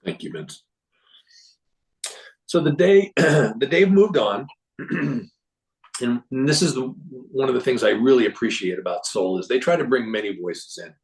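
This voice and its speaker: A man giving a casual, rambling recap of a symposium to a group, often clearing his throat and restarting sentences. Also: mid-range voice, animated, a little slow, pauses often, low-quality recording. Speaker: presenter reporting on a symposium.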